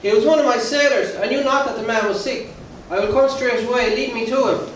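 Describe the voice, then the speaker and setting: A man's voice: very high voice, steady tone, a little fast. Stage play magistrate male actor: commanding, formal, solemn father figure, recorded far from the mic in a very echoey hall. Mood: concerned, dutiful. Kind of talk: historical stage play acting. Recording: echoey hall, distant mic, faint noise.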